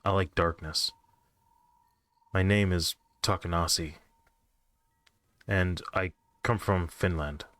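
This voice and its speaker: A man reading a creepypasta as the quiet ghost of a boy, speaking softly and apologetically. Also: deep voice, slow pace, long pauses, dry recording. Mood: eerie. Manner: soft, apologetic, creepy calm.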